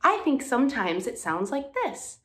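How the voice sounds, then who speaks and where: A woman's voice: high voice, big pitch swings, moderate pace, a bit bright. A woman teaching a music class for young children, talking in a cheerful, sing-song way and coaxing the kids to join in.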